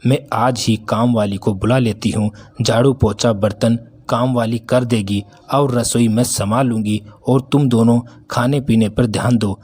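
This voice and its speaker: A man's voice: medium pitch, steady tone, measured pace, few pauses, darkish tone, slightly rough. A man voicing a stern, bossy Indian mother-in-law. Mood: caring. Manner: scolding, commanding. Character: stern middle-aged mother-in-law, bossy then remorseful.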